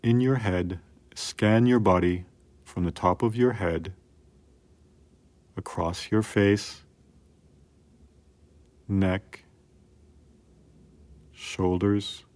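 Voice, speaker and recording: A man calmly narrating a scripted guided relaxation in a soothing, measured way with long pauses. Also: deep voice.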